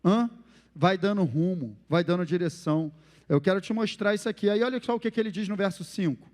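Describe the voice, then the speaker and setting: A man with a Brazilian Portuguese accent preaching a sermon as pastor, animated and acting out the phrases he quotes. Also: high-pitched, brisk, long reverb tail.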